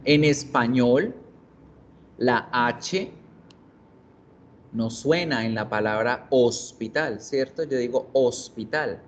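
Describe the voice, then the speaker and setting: A man's voice: mid-range voice, slow, long pauses, a little hiss or hum. A man teaching an online English class, explaining step by step and repeating example words several times.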